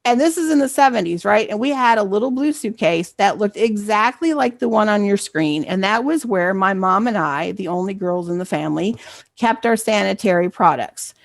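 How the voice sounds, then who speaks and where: Middle-aged woman with a gravelly voice. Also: medium pitch, expressive, normal speed, no room sound. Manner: conversational, asks "right?" for assent. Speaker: library program coordinator. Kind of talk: presentation with personal storytelling.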